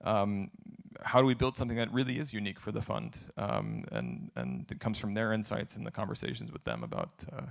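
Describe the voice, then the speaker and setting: Man, low voice, gravelly, conference Q&A answers, candid, thinking aloud. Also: expressive, fairly quick. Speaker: speaker answering audience questions. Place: conference event.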